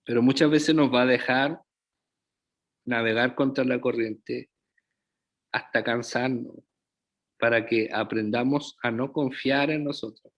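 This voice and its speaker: A man's voice: mid-range voice, fairly even intonation, dull audio. A man preaching a sermon as pastor, often checking in with the congregation through rhetorical questions. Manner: slow, deliberate preaching with frequent rhetorical check-ins to the congregation.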